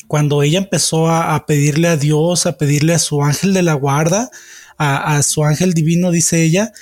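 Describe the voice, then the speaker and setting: A man's voice: fairly high pitch, dry recording, studio quality. A man telling a personal story in a casual, hesitant way, full of fillers and restarts.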